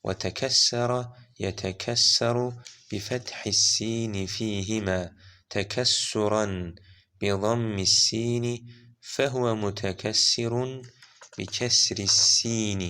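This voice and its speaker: A man reading an Arabic morphology textbook aloud as an audiobook, measured and deliberate, spelling out each word's vowel marks. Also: fairly low pitch, fairly bright tone, clear, resonant tone. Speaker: audiobook reader. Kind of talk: slow recitation of an Arabic grammar text.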